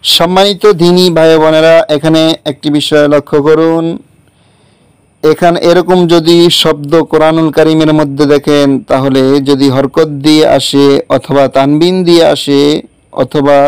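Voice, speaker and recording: A man teaching Quran letters, spelling them out slowly and deliberately one by one. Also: fairly high pitch, a little mellow, smooth, no echo, poor audio. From Bangladesh. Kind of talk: Quran letter recitation lesson.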